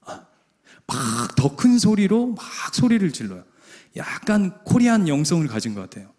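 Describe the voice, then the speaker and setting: Animated Korean-church male preacher. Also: high voice, moderate pace. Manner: animated, emphatic, questions the congregation. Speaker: pastor. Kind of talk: sermon.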